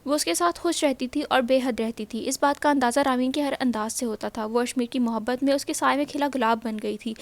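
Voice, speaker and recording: High-voiced woman narrating a novel. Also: no room sound.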